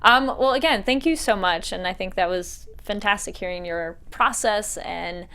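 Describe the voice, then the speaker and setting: Clear and resonant with a sharp tone, this interview host speaks at medium pitch and normal speed. She's friendly and chatty, laughing frequently and backing up the guest with little mm-hmm agreements as she poses questions.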